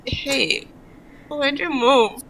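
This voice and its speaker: A woman voicing a fragile, clingy young man who is hurting, in a tabletop role-play, talking in a hesitant, quiet, shaky way. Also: high voice, drawn-out words, gravelly, slight background noise, exaggerated voice.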